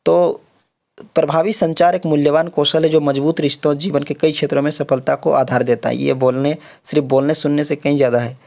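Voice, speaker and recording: A young man runs through an exam syllabus in a relaxed tutoring tone. His voice sits a little high, and he keeps checking in with his listeners as he explains each point, sliding English terms into his sentences. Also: fairly quick, creaky. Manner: repeats "theek hai" often, mixes English terms into Hindi. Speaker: online exam-prep tutor. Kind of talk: casual explanatory lecture.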